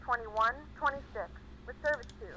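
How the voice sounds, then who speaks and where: A woman's voice: a little high, normal speed, sharp tone, slight background noise, low-quality recording. A woman making a formal, scripted cabin PA announcement, heard as a recorded in-flight message.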